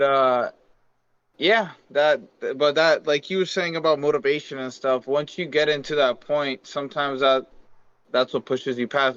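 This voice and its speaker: A man's voice: medium pitch, fairly bright tone, clear, resonant tone, dry recording. A man from Peru, a podcast guest chatting casually, laughing often and searching for words with restarts. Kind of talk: casual chat. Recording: muffled lo-fi dry mic.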